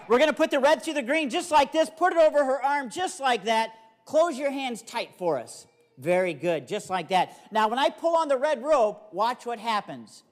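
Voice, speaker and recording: A man works a live kids' comedy magic show as the magician. He speaks in simple, coaxing phrases to small volunteers, then turns to address the audience like a playful showman. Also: very high voice. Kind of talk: live stage show patter for kids, talking to volunteers and audience.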